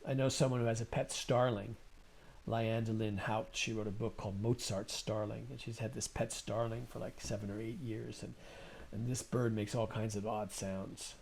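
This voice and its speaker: A man's voice: lowish voice, level tone, normal speed, gravelly, darkish tone, a little hiss or hum. A man in conversation as an interview guest, talking in a thoughtful, rambling way and often repeating words while he thinks. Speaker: musician and guest.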